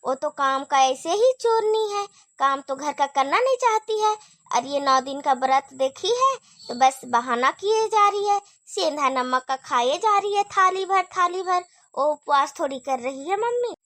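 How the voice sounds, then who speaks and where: A woman's voice: sits high, expressive, unhurried, fairly bright tone, dry recording, voice pushed down. Woman voicing a gossiping elder daughter-in-law. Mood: gossipy. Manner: gossiping, complaining.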